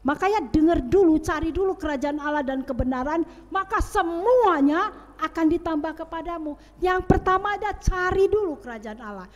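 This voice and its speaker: A woman's voice: very high-pitched, expressive, moderate pace, few pauses. A woman church elder preaching a sermon and leading prayer, emphatic and rising sharply on her key points. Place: church sanctuary. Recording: long church reverb.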